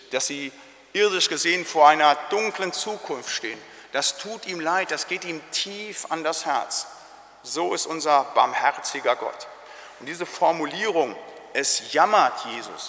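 A male preacher giving a solemn sermon in a church, slowing down on key phrases. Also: medium pitch, sharp tone. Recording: long church reverb.

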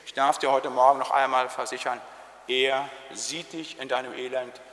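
A man preaches a solemn sermon, drawing out his key phrases slowly. His voice is bright and forceful, with a long church reverb trailing each line. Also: medium pitch, level tone.

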